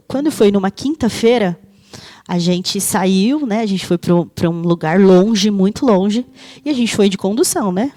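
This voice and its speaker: Mellow São woman giving testimony. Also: lowish voice. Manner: conversational, many fillers and restarts, quotes others in dialogue. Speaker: church member giving testimony. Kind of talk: personal testimony in church. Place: church.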